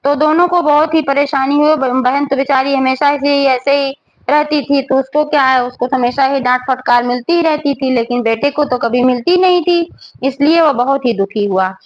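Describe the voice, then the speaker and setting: A woman with a high voice retells a devotional folk tale in a plain, homely way, with casual asides as she goes. The recording sounds dull and a little muffled. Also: moderate pace. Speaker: storyteller. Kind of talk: devotional folk story narration.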